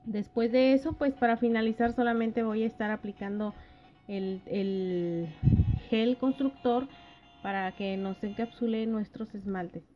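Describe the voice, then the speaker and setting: A woman narrating a nail art tutorial, explaining each step gently and plainly, with little hesitations and soft diminutive words. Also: fairly high pitch, steady tone, unhurried. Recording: dull lo-fi voice-over with faint music.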